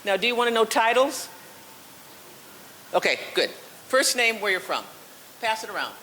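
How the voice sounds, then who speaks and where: A man facilitating a conference session, giving brisk, joking instructions to the room. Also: sits high, big pitch swings, sharp tone, big-room sound, a little hiss or hum, poor audio. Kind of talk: running a room of introductions.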